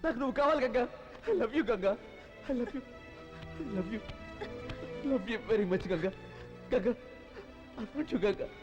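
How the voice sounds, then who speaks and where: A young hero pleading with dramatic earnestness in a dubbed film drama. His voice sits fairly high and moves through a wide, emotional range. A faint film score hums underneath. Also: expressive, takes it slowly, pauses often, dull audio, music in the background, exaggerated voice.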